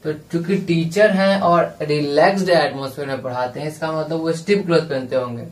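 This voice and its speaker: Male tutor, slightly high voice, echoey room recording, patient, careful delivery. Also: recorded from a distance. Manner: slow, spells words letter by letter; reads English passage slowly, drawn out. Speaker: exam prep teacher. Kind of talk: explaining lesson in Hindi with English terms.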